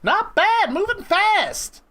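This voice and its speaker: A man in his thirties, a prank caller and interviewer, teases in a casual phone chat, asking probing questions. His voice is very high-pitched and bright, with big pitch swings, a slow pace, and a forceful tone.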